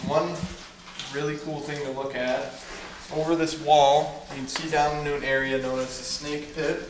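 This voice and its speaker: A man gives an informal guided tour, explaining each feature in an even, little-varying voice. Heavy cave echo surrounds him, and he is picked up from well away from the microphone. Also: on the high side, normal speed. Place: inside a cave. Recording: echoing cave, distant mic, clear noise.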